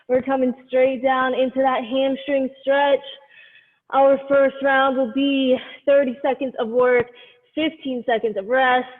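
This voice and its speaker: A woman with a high-pitched voice instructs a live exercise class, giving direct, step-by-step cues. She speaks into a headphone mic, and the sound is lo-fi and muffled with a long reverb tail. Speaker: fitness instructor leading a live workout class. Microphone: headphone microphone.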